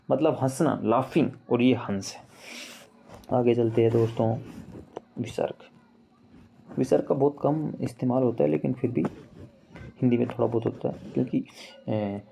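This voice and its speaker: A man teaching Hindi grammar in a casual online lesson, explaining slowly and repeating examples as he addresses viewers as friends. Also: mid-range voice, creaky, warm tone, a little hiss or hum. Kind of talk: casual screen-share lesson.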